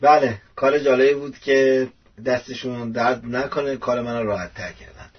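Male host, husky voice, rambling casual commentary with fillers, dull lo-fi recording. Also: medium pitch, steady tone, soft background music. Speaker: youtube show host. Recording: dull lo-fi audio.

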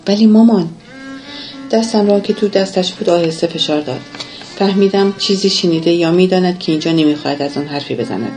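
Low, mellow woman narrating a memoir. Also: faint music behind. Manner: somber, reflective. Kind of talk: first-person memoir narration.

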